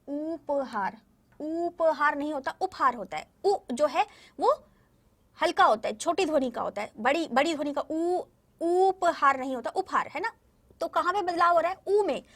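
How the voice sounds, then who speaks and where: A woman teaching a primary school language lesson, patiently explaining step by step to young children and checking often that they follow. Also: high voice. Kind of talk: recorded classroom lesson addressing children.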